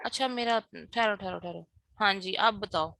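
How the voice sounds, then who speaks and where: A woman's voice: medium pitch, normal speed, creaky, pushed and bright, dry recording. A woman teaching an online class, mixing Hindi-Urdu with English, patient and repeating herself, heard over a video call. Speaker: instructor. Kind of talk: online class lecture with role-play practice.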